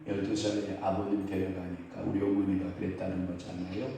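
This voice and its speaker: Preaching a Wednesday evening prayer service, a middle-aged pastor asks his congregation questions and waits for answers, folksy and quick to joke about his family while acting out their quotes. His low, mellow voice is delivered completely flat and sounds slightly off-mic, picked up from a distance in a very echoey sanctuary with a little hiss or hum.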